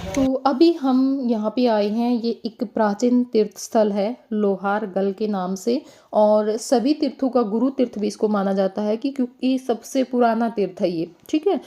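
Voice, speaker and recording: A young woman with a Haryanvi accent, chatting in a casual travel vlog and explaining things slowly with lots of fillers. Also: a little high, mellow. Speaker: vlogger.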